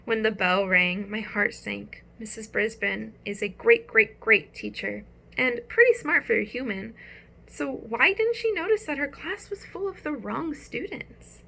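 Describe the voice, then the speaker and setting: A woman narrating a children's audiobook with expressive storytelling. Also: fairly high pitch, measured pace, vocal fry.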